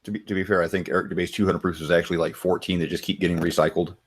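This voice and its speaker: A man's voice: deep voice, level tone, rapid-fire, slightly rough. A man chatting casually as a guest, with dry, wry remarks. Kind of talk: casual chat.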